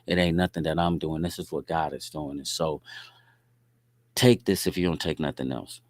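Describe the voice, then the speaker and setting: A very deep-voiced middle-aged man from Indianapolis hosts his podcast and tells stories in a relaxed, streetwise way. He keeps checking in with his listeners, and his voice is recorded close and dry with no room sound. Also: normal speed, no room sound. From Indianapolis, USA. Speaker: podcast host. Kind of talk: casual storytelling talk.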